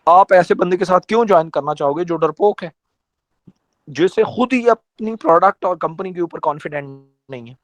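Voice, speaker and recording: A man's voice: high voice, dry recording. A man giving a motivational training talk to his team, teaching in a conversational, emphatic way with many rhetorical questions. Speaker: network marketing trainer.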